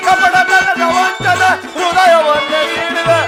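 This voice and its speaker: A man's voice: very high-pitched, level tone. A man playing the warrior prince Bhima, a devoted husband, singing verses and declaiming stage dialogue in a village mythological play. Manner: slow drawn-out singing, loud theatrical declamation. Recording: live stage recording with loud music.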